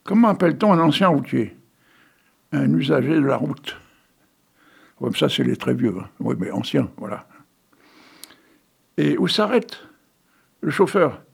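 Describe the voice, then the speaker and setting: A man with a deeply gravelly, rough-edged voice and a husky, breathy grain. He hosts a local radio show in a loose, rambling manner, reading verse and corny wordplay. He keeps tossing in little tag words and laughs at his own puns. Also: moderate pace, long pauses, darkish tone. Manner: rambling, peppers speech with "hein", chuckles at own puns. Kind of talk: casual radio chat reading poems and puns.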